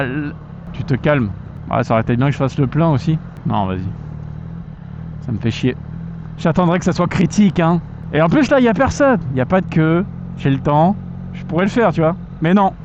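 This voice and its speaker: A young moto vlogger with a high voice rides through traffic, chatting to himself in a slangy, jokey way, full of swear words. His voice comes through a muffled helmet mic, with loud wind and traffic noise all around. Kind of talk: casual vlog commentary while riding. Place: outdoors on a motorbike in traffic.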